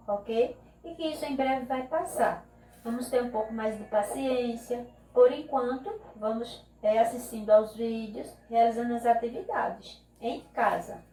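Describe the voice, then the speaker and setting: Her pitch fairly high and her tone warm, a Brazilian Portuguese-accented primary school teacher gives a recorded remote class, patiently stretching out each explanation. She keeps checking with "ok?" as she goes. The sound is echoey, captured from a mic some distance away.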